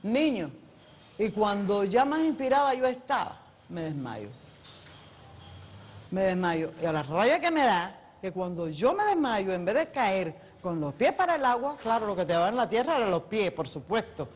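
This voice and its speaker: A woman's voice: medium pitch, moderate pace, a little hiss or hum. A woman, an actress, telling a story in a documentary interview, acting out other people's lines as she goes. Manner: lively storyteller who acts out others' voices. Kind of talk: animated anecdote telling.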